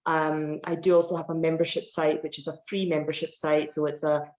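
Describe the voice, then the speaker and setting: A woman's voice: sits low, flat delivery, a little fast, a little mellow. A Scottish woman in her forties, a personal trainer chatting in an interview, explaining at length with many fillers. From Scotland. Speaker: personal fitness trainer, guest. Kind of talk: casual interview answers. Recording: roomy, dull online call audio.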